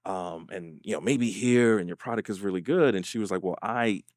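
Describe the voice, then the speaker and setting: A man hosting a podcast interview, asking questions thoughtfully and backing the guest with steady "mm-hmm"s. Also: fairly low pitch, fairly quick, no echo, clean studio sound. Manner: thoughtful, frequent "mm-hmm" backchannels. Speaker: podcast host. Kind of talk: casual interview conversation.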